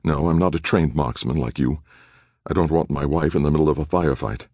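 A man's voice: rumbling low, brisk, darkish tone, no room sound, studio quality. A man voicing a determined husband who speaks wryly and steadily, coaching himself. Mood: steady.

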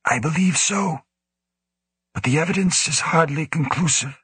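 A man voicing a secretive male space station director who talks in a rasping, labored, emphatic way. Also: on the high side, normal speed, no room sound, voice pushed up. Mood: grave. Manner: sharp, emphatic, lecturing.

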